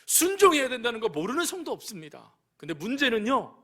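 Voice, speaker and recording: A male pastor delivers a sermon in a high, bright voice. His pitch swings widely as he questions the congregation and acts out voices from the story. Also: huge pitch swings, fairly quick.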